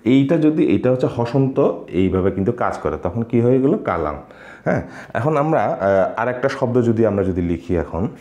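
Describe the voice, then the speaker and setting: A man teaching a language lesson, pausing often with fillers and checking in with his listeners. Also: mid-range voice, expressive, dark tone, roomy sound, highs cut off. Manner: hesitant, many filler sounds, checks in with listeners.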